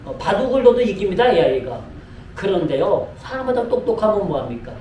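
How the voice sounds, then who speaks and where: Korean pastor preaching in an echoey church. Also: male voice, sits high, sing-song, a little fast, mellow, a little hiss or hum. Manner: repetitive, calls out to the congregation. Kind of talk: sermon. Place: church sanctuary. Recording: echoey room mic from a distance.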